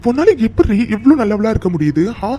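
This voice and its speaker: Cartoon husband, devoted young man, fast-talking and earnest, voiced by a man. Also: high-pitched, big pitch swings, mellow, a little hiss or hum. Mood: tender. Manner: quick, earnest, affectionate. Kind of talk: cartoon dubbing.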